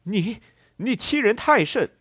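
A protective young man loses his temper in an audiobook, as a man narrator puts him on. The lines come loud and raised in pitch, husky and dry, with angry force. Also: expressive, takes it slowly, no echo, full character voice.

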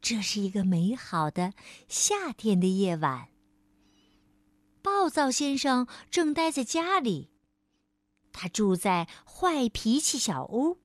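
A woman storyteller reading a picture book aloud to a child, gently addressing the listener as darling. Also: on the high side, very animated, takes it slowly, no room sound.

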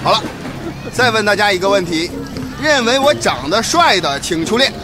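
A man's voice: sits high, big pitch swings, moderate pace. A man playing a stern, mocking drill instructor in a comedy skit, barking out drill commands and scolding. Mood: slyly mocking. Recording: loud music and crowd noise behind.

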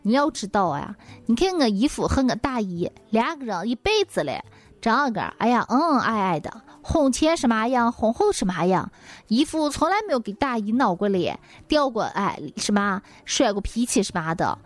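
A woman's voice: on the high side, sing-song, moderate pace, dry recording. A woman host telling comic stories in a folksy, exclamatory monologue.

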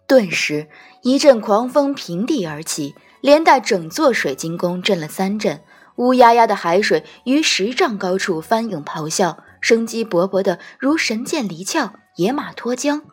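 A woman narrating a first-person fantasy audiobook, gentle and wry. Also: mid-range voice, lively intonation, unhurried, husky, faint music behind. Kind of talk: scripted storytelling narration.

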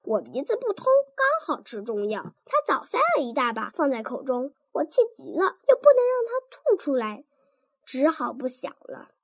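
A woman reading a first-person story aloud in an animated, playful way. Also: sits high, moderate pace, husky, no echo. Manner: animated, playful voicing of scenes. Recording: dry close sound, faint music. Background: faint music.

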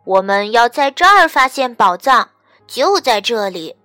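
A woman's voice: on the high side, very animated, a little slow, pushed and bright, dry recording, faint music behind, heavily acted. Woman voicing a bossy, determined little frog. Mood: confident.

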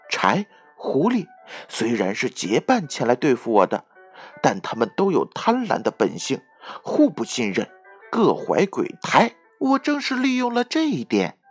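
A clever, self-satisfied little gray rabbit, as a male storyteller puts him on, explains his trick. The pitch moves up and down a lot, giving a lively storybook feel. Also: unhurried, husky, soft background music, exaggerated voice. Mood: pleased.

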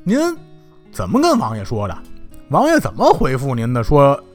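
A man's voice: medium pitch, huge pitch swings, normal speed, faint music behind, voice pushed down. A man voicing a shrewd, suspicious male official, pressing hard with questions. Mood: probing. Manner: pressing, interrogating.

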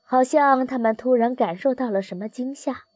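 A woman reading a children's storybook aloud in a gentle, expressive storytelling manner. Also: sits high, moderate pace, no echo, studio quality. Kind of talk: scripted children's story narration.

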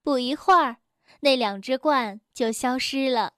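A woman telling a children's bedtime story in a gentle, coaxing way, close to the mic. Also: high-pitched, a little slow, no room sound.

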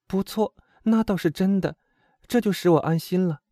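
A man's voice: high-pitched, normal speed, warm tone, dry recording, studio quality, pitched above the performer's own voice. A man voicing a timid young woman who admires her bolder friend and worries about trouble. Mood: admiring. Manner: anxious, admiring.

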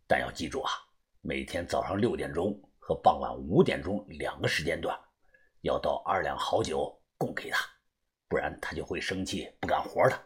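A man voicing a tall middle-aged male smuggler who gives curt, secretive instructions in a low, hushed voice. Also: normal speed, husky, full character voice. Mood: stern.

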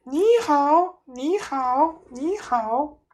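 A woman's voice: high-pitched, drawn-out words, voice pushed up. A woman voicing a chattering pet parrot that keeps repeating its greeting in a squawky voice. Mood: chirpy. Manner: repetitive, squawking.

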